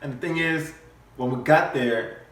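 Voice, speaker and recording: A man's voice: on the high side, moderate pace, fairly bright tone. A young man chatting casually and jokily beside his wife. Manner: easygoing, jokey, laughs along. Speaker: co-host, husband. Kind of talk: casual chat. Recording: echoey room from far off.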